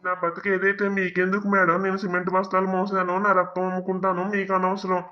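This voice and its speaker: A man's voice: high voice, monotone, quick pace, dull audio, close to an everyday voice. An actor voicing a poor young village husband pleading and arguing for his sick wife in a cartoon drama. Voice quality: pleading, emotional.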